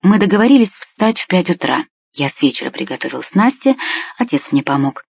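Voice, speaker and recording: A woman with a somewhat low, husky voice tells a story in the first person as a young boy. Her telling is calm and even, picking up when characters speak. The recording is dry, close and a little muffled. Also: a little fast, no echo. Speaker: audiobook reader.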